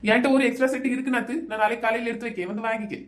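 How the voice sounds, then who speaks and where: Lady doing a cheeky daughter-in-law, talks super fast, high and snappy. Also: fairly even intonation, close to an everyday voice. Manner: snappy, sarcastic. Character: sharp-tongued young daughter-in-law, cheeky. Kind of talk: comedy skit.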